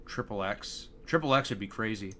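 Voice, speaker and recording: A young man talks loosely on a live stream, trailing off and restarting his thoughts. His voice is bright and forward. A faint ambient hum sits behind him. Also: fairly low pitch, expressive, normal speed. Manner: rambling, hesitant, many fillers. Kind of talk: casual live-stream chat.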